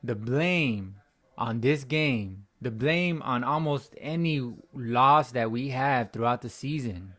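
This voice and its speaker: A frustrated young host of a sports fan channel rants at home after a game, rambling and repeating himself while his voice cracks. His voice is medium in pitch and fairly bright, and he talks slowly.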